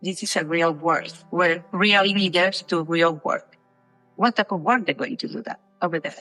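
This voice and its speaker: A woman interviewer asking friendly, somewhat halting questions. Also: lowish voice, sharp tone, dry recording, soft background music, rough recording.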